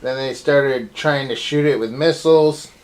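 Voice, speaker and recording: Deep-voiced woman recapping a movie. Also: unhurried, heavy background noise. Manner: recaps the plot, quizzing her partner. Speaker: co-reviewer. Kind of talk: casual movie review chat.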